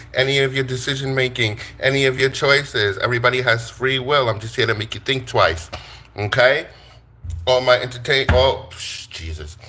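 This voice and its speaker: On a live tarot stream, a man from Brooklyn, New York jokes around with viewers and swears freely. His voice is medium in pitch with a sharp edge.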